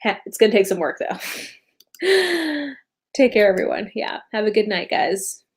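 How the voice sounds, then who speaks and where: A tired American woman chats live with her viewers at a medium pitch. She rambles, fills gaps with little hesitations and corrects herself as she goes. She laughs easily, and the talk stays loose and friendly. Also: very animated, a little slow. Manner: rambling, many fillers and self-corrections, laughs often. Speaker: booktube host. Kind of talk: casual live stream chat with viewers.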